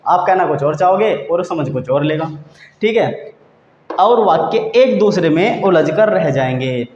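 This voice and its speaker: A man's voice: a little high, expressive, measured pace, a little mellow. A man teaching a grammar lesson, who repeats key points and asks and answers his own questions. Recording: roomy, dull lo-fi sound.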